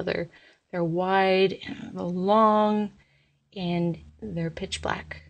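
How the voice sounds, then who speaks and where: A young woman casually telling her own ghost story, rambling and animated, with plenty of fillers. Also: on the low side, creaky. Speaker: listener sharing a ghost story.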